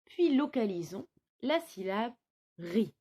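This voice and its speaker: A woman teacher giving young children a phonics lesson, spelling out words slowly syllable by syllable. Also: fairly high pitch, big pitch swings, mellow. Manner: slow, clearly articulated, syllable by syllable. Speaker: kindergarten teacher.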